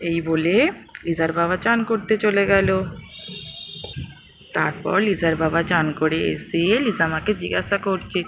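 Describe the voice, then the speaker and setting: A woman's voice: on the low side, fairly even intonation, a little slow, vocal fry, pauses often. A woman narrating a homemade doll story in a plain storytelling manner. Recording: noisy home recording.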